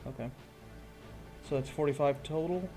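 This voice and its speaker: Acting as game master for a tabletop roleplaying game, a man with a slightly high, creaky yet mellow voice describes combat in vivid, gory detail at a moderate pace, then shifts into plain talk about the rules. Faint music plays beneath him.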